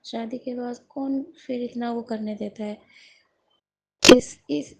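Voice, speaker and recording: A woman's voice: fairly high pitch, steady tone, gravelly, warm tone, low-quality recording. A middle-aged woman earnestly telling a congregation about a family dispute, upset and worried as she recounts phone calls. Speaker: devotee sharing a personal story. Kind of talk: emotional personal account to a congregation.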